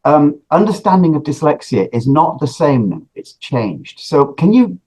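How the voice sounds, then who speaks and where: A man with a northern English accent hosts the interview, his voice slightly husky and a little high. His pitch swings widely as he asks his questions, often restarting and correcting himself mid-sentence. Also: big pitch swings, normal speed, dark tone, low-quality recording. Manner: chatty, self-correcting questions. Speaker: interviewer host. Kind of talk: conversational interview.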